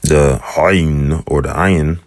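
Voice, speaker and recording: A man giving a relaxed, rambling lesson on Hebrew letters, slowing down to sound out letters and repeat them. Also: a bass voice, a little hiss or hum. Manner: relaxed, rambling explanations with slow drawn-out sound demonstrations. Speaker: Hebrew teacher. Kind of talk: casual spoken lesson.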